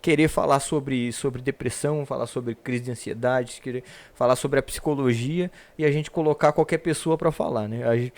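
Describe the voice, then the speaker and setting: Rambling young church podcast host. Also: male voice, medium pitch, fairly even intonation, normal speed, darkish tone. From Paraná, Brazil. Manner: rambling, repeats words, deferential to guest. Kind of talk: casual podcast hosting.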